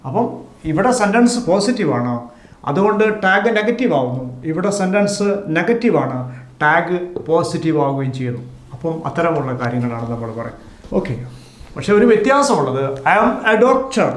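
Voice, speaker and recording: A Kerala-accented man gives a classroom grammar lesson, slowly repeating each example. His voice sits a little high and swings widely as he leans on every question tag. It is recorded in an echoey room. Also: very animated. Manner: slow, repeats each example, stresses the tags. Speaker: spoken English teacher.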